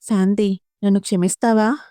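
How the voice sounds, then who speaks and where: A woman's voice: mid-range voice, fairly even intonation, moderate pace, warm tone, no echo, clean studio sound, close to an everyday voice. A woman voicing an older husband who pleads for forgiveness in a storybook reading, speaking in an apologetic way. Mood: pleading.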